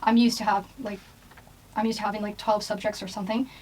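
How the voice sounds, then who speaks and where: A woman's voice: medium pitch, flat delivery, fast, darkish tone. A young woman from Brazil, chatting casually as a guest and giggling between thoughts. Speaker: guest, exchange student. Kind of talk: casual chat. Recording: distant mic, faint noise.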